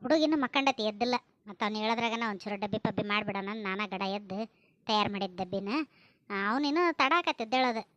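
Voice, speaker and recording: A woman with a North Karnataka accent acting in a family comedy skit, chatty, brisk and plain-spoken. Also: medium pitch, a bit bright, dry recording, dull audio. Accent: North Karnataka Kannada.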